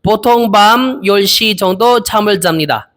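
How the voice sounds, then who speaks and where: A young man in his twenties from the Philippines, practicing Korean interview answers aloud, hesitant and repeating each phrase slowly. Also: high voice, fairly bright tone, a little hiss or hum. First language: Filipino. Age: 20s. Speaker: Korean language learner.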